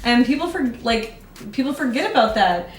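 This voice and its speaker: High-voiced playful woman comedian. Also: moderate pace. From Miami. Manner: lively, playful, puts on voices in stories. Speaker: comedian guest. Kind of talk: casual chat. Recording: roomy sound from the mic at a distance, faint background noise.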